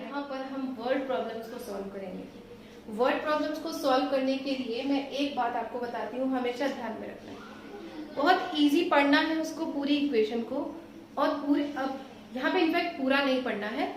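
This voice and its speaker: A woman math teacher explaining solutions step by step, patient and reassuring, slowing down as she writes. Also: high voice, slight background noise. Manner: patient, reassuring, slows down while writing. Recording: echoey room, voice from a distance.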